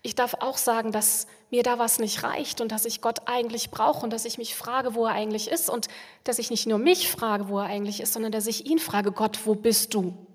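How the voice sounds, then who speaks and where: A woman speaking as a pastor in a calm, reflective way, repeating phrases for emphasis. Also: fairly high pitch, a little fast, breathy edge. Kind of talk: spiritual reflection on prayer. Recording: long hall reverb.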